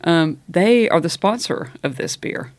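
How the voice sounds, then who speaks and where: A woman race director co-hosting a casual podcast from an office, upbeat and quick to laugh. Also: lowish voice, expressive, no echo. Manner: upbeat, laughs often, enthusiastic.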